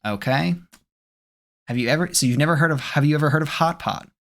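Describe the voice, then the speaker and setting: A man co-hosting a casual podcast, reading food clues aloud in a relaxed, chatty way. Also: fairly high pitch, brisk. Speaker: podcast co-host running a food guessing game.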